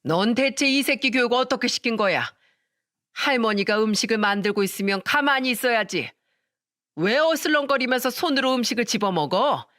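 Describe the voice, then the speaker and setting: A woman's voice: a little high, expressive, normal speed. A woman playing a harsh older mother-in-law who berates her daughter-in-law in a story radio drama. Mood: furious scolding. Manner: shouting, berating, sharp-tongued.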